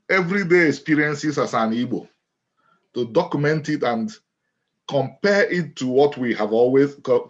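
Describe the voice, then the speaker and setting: A middle-aged Nigerian man with a Nigerian accent, speaking as an interview guest in a measured, deliberate way and restating his phrases. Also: mid-range voice. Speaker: guest, author and lawyer. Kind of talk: interview storytelling. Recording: dull lo-fi audio.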